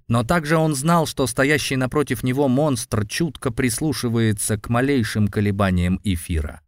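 A man's voice: fairly low pitch, a little mellow, no echo, clean studio sound. A man reading scripted fantasy fiction as a dramatic audiobook narrator.

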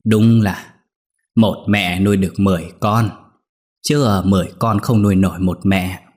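A man's voice: deep voice, steady tone, normal speed, a little mellow, natural voice. A man voicing a stern village doctor who lectures reproachfully. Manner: reproachful, preachy.

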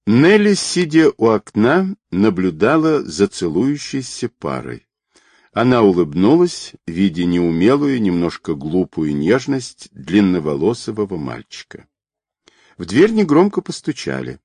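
A man narrating an audiobook in a measured, expressive reading. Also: lowish voice, no room sound, studio quality. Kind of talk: scripted narration.

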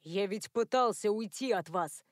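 A woman's voice: medium pitch, a little slow, dry recording, clean studio sound, close to an everyday voice. A woman voicing a bitter, grumbling bearded gardener, a man bound to serve, in an audiobook.

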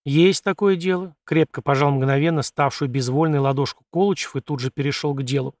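A man narrating an audiobook in an even storytelling manner. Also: medium pitch, fairly quick, no echo, clean studio sound. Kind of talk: scripted narration.

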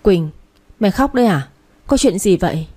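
A woman voicing a blunt, fiercely loyal young female friend who talks coarsely and fast. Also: medium pitch, lively intonation, warm tone, breathy edge. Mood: urgent, worried.

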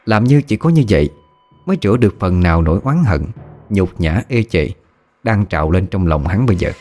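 A man narrates a first-person audio story in a steady storytelling manner. His voice is very low. Quiet music plays beneath the reading.

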